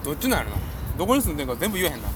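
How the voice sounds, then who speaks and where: Very fast-talking man with an Osaka accent. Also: fairly high pitch, big pitch swings, music in the background. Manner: blunt, teasing, quick to interject. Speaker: radio co-host. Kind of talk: casual comedic banter.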